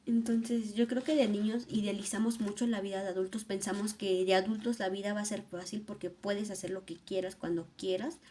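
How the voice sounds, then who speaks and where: Earnest young woman, mellow voice. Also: mid-range voice. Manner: earnest, thoughtful, musing aloud. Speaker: vlogger. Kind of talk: reflective personal vlog talk.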